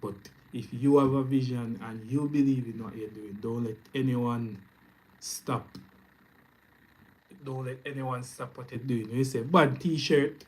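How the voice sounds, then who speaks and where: Man, Jamaican accent, casual live-stream chat, upbeat shout-outs, middle pitch. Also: steady tone, measured pace, poor audio. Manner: loose, upbeat, repeats greetings and shout-outs. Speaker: YouTube trading streamer. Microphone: camera mic, speaking to camera.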